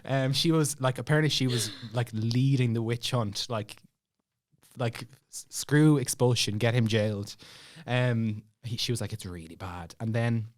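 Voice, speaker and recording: Measured in pace with a mid-range voice, this young Irish podcast guest tells a personal story in casual chat. He brings it to life by acting out the dialogue, adding asides through laughter.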